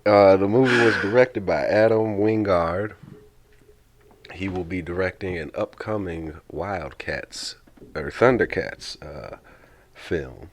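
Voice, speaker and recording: A man's voice: low voice, slow. A man co-hosting a podcast in casual chat, joking and often stammering into restarts. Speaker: podcast co-host.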